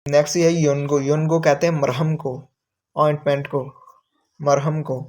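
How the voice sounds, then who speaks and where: A man's voice: fairly high pitch, little pitch movement, a little mellow. A man teaching from a textbook, reading each word aloud and then explaining what it means. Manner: repeats words slowly, explains each term. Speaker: Korean language teacher.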